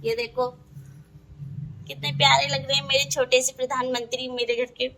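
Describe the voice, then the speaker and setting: Young female vlogger, North Indian Hindi, high-pitched and bright, chatty step-by-step narration. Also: flat delivery, moderate pace, low-quality recording. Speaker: vlogger and mother. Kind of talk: casual home vlog talking to viewers. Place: home rooms, then street and a shop.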